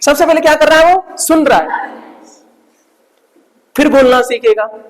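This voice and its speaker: A man's voice: extremely high pitch, measured pace, big-room sound, rough recording. A male teacher giving a classroom lecture, asking his class questions and answering them himself.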